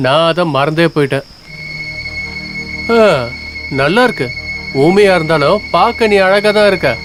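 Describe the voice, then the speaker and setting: A man's voice: on the high side, unhurried, lightly acted, low-quality recording. An actor playing a greedy young man who schemes to marry for an inheritance, with a sneering, mocking manner. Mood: menacing. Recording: film soundtrack with loud music.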